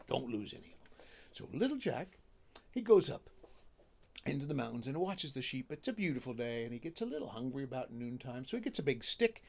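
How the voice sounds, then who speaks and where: A man telling a folk tale in a folksy, drawling, animated way. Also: medium pitch. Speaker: storyteller.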